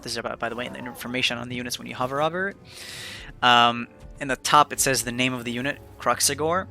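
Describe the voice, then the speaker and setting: A man's voice: mid-range voice, bright, forceful tone. A man narrating a beginner's video game tutorial in a casual, rambling, upbeat way, with many fillers and restarts. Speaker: gaming video creator.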